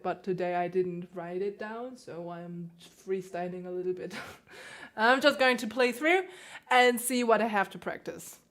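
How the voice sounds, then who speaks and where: Chatty woman pianist hosting a livestream. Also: medium pitch. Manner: chatty, laughs often, answers chat questions. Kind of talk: casual livestream chat.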